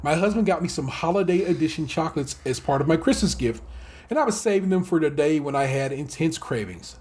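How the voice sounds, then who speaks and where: A man co-hosting a casual podcast, talking in an animated way, laughing often and swearing freely. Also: fairly high pitch, a little fast, slightly rough. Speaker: podcast co-host.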